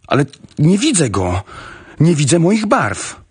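A man voicing an excitable older army colonel who owns racehorses, speaking in loud, agitated exclamations that rise high, with a husky voice. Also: measured pace.

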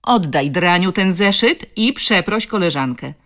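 A woman's voice: low voice, normal speed. A woman voicing a fierce adult woman who defends a child, speaking in a strong, throaty, commanding tone. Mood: scolding. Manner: scolding, commanding.

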